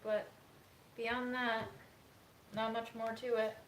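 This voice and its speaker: A China-born woman speaks earnestly and bluntly in a casual cooking vlog filmed in her home kitchen, using a slightly high voice with a flat delivery and a slow pace. The room echoes and carries faint noise.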